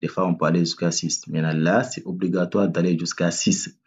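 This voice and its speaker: A man teaching tajwid, patiently breaking down each word and repeating it slowly to correct common student mistakes. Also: sits low, little pitch movement, darkish tone, slightly rough, muffled recording. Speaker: Quran recitation teacher. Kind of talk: tajwid lesson with demonstrated recitation.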